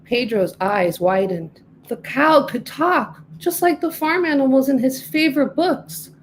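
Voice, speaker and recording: A middle-aged woman reading her own storybook aloud with clear, careful narration. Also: high voice, animated, a little slow, slight background noise, rough recording. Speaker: author reading her book.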